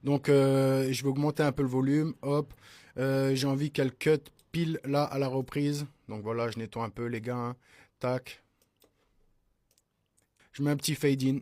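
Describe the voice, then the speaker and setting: A man's voice: mid-range voice, flat delivery, moderate pace, a little mellow, dry recording. A man giving a casual music production tutorial, chatting to his viewers and checking in with them every few phrases. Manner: chatty, peppers speech with "hein" and "d'accord?"; addresses viewers as "les gars". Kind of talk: casual screen-recorded tutorial.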